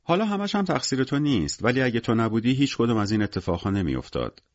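A man's voice: medium pitch, very animated, dry recording, highs cut off, voice pushed up. A man voicing a weary, menacing gangster in an audiobook, curt and cynical in everyday speech. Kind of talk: audiobook character voice.

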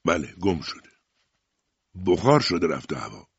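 Audiobook: male reader doing a curt police commissioner, very low, husky. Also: sing-song, no echo, dull audio, full character voice. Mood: stern. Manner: curt, official. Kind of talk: audiobook character voice.

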